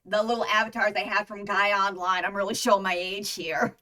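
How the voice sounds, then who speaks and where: A woman's voice: medium pitch, flat delivery, a little fast, bright, forceful tone, recorded from a distance. Woman chatting casually, slightly off the mic. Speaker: stream host. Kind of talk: casual chat on a livestream.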